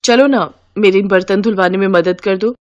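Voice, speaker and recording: Brief: woman playing a young bride, high and exasperated, comic short. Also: moderate pace, darkish tone, no echo, highs cut off, lightly acted. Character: young new bride, shivering and fed-up.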